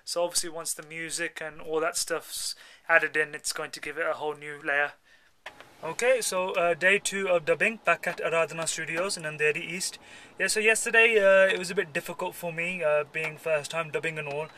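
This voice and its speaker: Young British male vlogger, forward bright tone, pitched a bit high, informal and chatty with plenty of slang. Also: fairly even intonation, brisk. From England. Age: young adult. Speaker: film actor, vlogger. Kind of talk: casual video diary. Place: dubbing studio rooms and inside a parked car. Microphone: handheld camera at arm's length.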